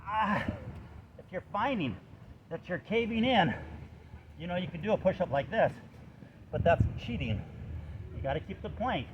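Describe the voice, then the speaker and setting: A man's voice: sits high, sing-song, normal speed, long pauses, highs cut off. A man in his sixties doing push-ups, out of breath and straining as he coaches and counts along casually. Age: 60s. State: out of breath from exertion. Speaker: fitness instructor demonstrating exercise. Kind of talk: casual workout coaching to camera. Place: outdoors in a park. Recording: noisy outdoor recording with traffic.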